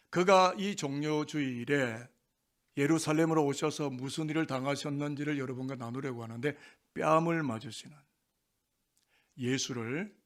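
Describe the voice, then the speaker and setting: A man preaching a Sunday sermon as pastor, asking the congregation rhetorical questions. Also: a little high. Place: church sanctuary.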